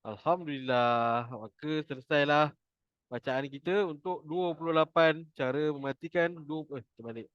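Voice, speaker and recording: A man with a Malaysian Malay accent teaching Quran reading, slowly repeating each syllable for his students to copy and often starting lines with "ha". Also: on the high side, a bit bright, no room sound, lo-fi sound. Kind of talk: online Quran reading class.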